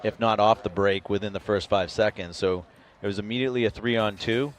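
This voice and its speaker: A man commenting live on a paintball match, calmly recapping plays and naming players. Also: fairly low pitch, brisk. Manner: calm, analytical, recaps plays. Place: outdoors at a paintball field. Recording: noisy outdoor event.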